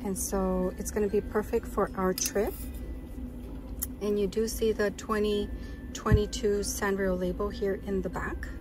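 A woman's voice: mid-range voice, noisy background. A woman talking chattily and with enthusiasm as she shows off her purchases in a casual vlog, recorded while sitting on her bed. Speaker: vlogger.

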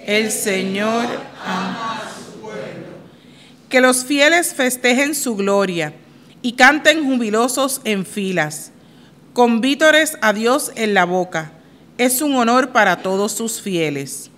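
A middle-aged woman reading scripture and psalms as a church lector, solemn and deliberate. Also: fairly high pitch, lively intonation, fairly bright tone. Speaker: lector at Mass. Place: church sanctuary at a lectern microphone, congregation present.

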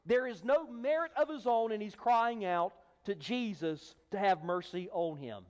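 A man's high-sitting voice moves a little slowly through a sermon, each phrase ringing with long reverb in the sanctuary. As pastor, he preaches emphatically and loudly acts out the hushing of a crowd.

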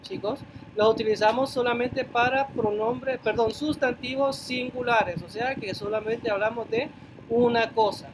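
High-voiced bilingual teacher over loud noise. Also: male voice, measured pace. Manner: explains in English then repeats in Spanish, frequent "ok?" checks, some restarts. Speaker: English teacher. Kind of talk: bilingual classroom lesson.

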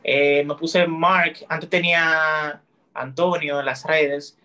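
A Dominican teenage boy with a fairly high voice talks slowly as a guest TikToker in a casual video-call interview. He sounds friendly, relaxed, and chatty, with a Dominican Spanish accent, speaking from a small indoor room.

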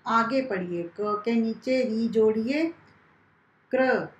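A woman teacher leads a primary school lesson at a very unhurried pace. She spells out each sound carefully, as if for young children. Her voice carries a clear echo from the room around her. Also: a little high. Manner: slow, carefully spelled-out classroom instruction. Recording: echoey room.

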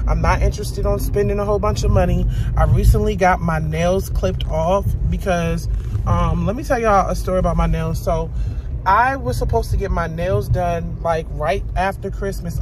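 A young woman talks from her car in a casual vlog, her voice lowish against a noisy background. She rambles bluntly and loosely, animated and swearing freely.

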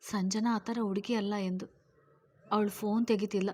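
A woman narrating a serialized story in a steady, measured reading voice. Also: mid-range voice, slightly rough.

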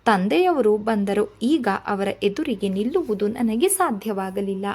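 Woman narrator reading a novel aloud, slow and even, mid-pitched, measured delivery. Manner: measured, first-person narration. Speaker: storyteller.

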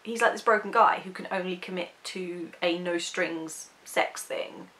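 A woman's voice: lowish voice, a little slow, sharp tone. Chatty woman vlogger. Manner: chatty, candid, apologetic asides. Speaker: book vlogger. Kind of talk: casual reaction chat.

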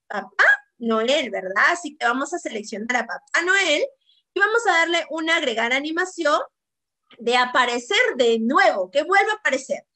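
A woman teacher giving a casual software tutorial, lively and often asking rhetorical questions to check in with her viewers. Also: sits high, normal speed. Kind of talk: screen-recorded software tutorial.

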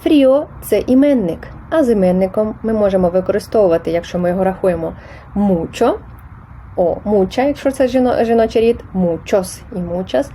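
A woman's voice: mid-range voice, brisk, warm tone, a little hiss or hum. Patient woman teaching Spanish grammar. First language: Ukrainian. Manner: patient, explanatory, with small hesitations. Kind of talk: explaining test answers.

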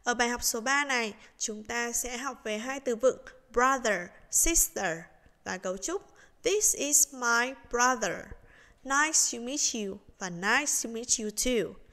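A woman teaching English to young children, in a slow, patient lesson voice, breaking words into syllables in a sing-song way. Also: on the high side, pushed and bright, big-room sound.

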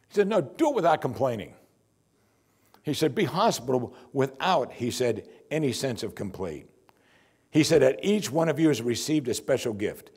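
An older man, a pastor, preaching a sermon from the pulpit of a church in a lively, conversational and wry way, on a lapel mic. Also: a little high, husky.

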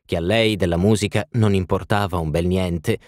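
A man narrating a classic story in an expressive literary reading style. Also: sits low, moderate pace, no room sound, studio quality. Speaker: audiobook narrator. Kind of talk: scripted narration.

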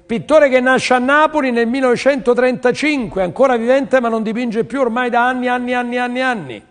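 A man's voice: very high-pitched, fairly even intonation, brisk, big-room sound. A man selling paintings on a TV auction, pushing buyers and repeating his lines to urge them on. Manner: pushy, urging, repeats phrases. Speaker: TV art sales presenter. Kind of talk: televised art auction pitch.

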